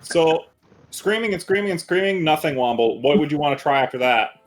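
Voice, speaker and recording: Lively, swearing game master. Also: male voice, fairly high pitch, fairly quick, slight background noise, low-quality recording. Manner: loose, profane, laughing narration. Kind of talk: narrating a tabletop game over a call.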